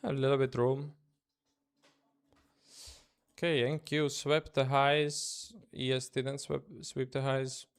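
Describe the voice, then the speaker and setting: Slow and flat, with long pauses, his smooth mid-range voice carries an Estonian accent from his native Estonian. He's streaming live trades from his room, chatting casually in loose English, musing aloud and replying to chat.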